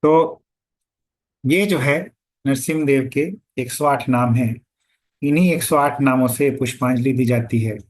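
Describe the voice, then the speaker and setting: A man teaching a devotional lesson, chanting sacred names in slow measured recitation and explaining them in between. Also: mid-range voice. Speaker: scripture teacher.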